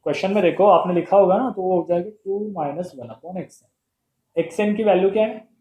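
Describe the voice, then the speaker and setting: A man walks through a math lesson, posing questions and answering them himself in a playful way. His voice sits high but mellow. The room is echoey, with a faint hum behind him. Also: a little fast. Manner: explains step by step with rhetorical questions; playful, calls terms "bhai sahab". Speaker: math teacher.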